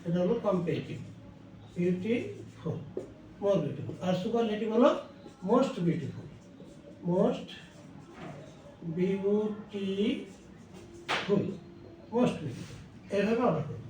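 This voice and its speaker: A Bengali-speaking man with a Bangladeshi accent teaching English grammar, explaining slowly and repeating each word as he writes it on the board. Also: sits high, sing-song, a little mellow, distant mic. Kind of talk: slow classroom explanation while writing on a board. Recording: very echoey room, voice away from the mic, faint noise.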